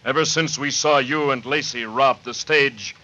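Slow, solemn, noble western hero. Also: male voice, medium pitch, sharp tone, muffled recording. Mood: solemn, calm. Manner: measured, formal, solemn. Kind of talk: 1940s radio western acting. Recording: noisy vintage radio recording.

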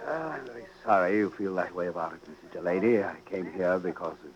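A man's voice: low voice, fast, lightly acted. An actor playing a wealthy, uneasy man about town with hesitant, clipped politeness in old radio drama. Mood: stiffly apologetic. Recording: dull old radio recording.

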